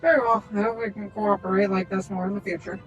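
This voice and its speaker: A man's voice: high voice, level tone, quick pace, highs cut off, over music, voice pushed up. A man streaming a game with a voice changer on that makes him sound like a woman, chatting casually and reading in-game dialogue aloud. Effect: voice changer making him sound female. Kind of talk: casual gameplay commentary.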